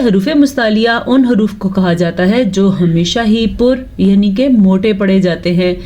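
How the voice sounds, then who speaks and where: A woman teaching Quran pronunciation, reciting words slowly and breaking them into syllables with patient explanation. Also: medium pitch, a little mellow. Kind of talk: slow tajweed lesson with recitation.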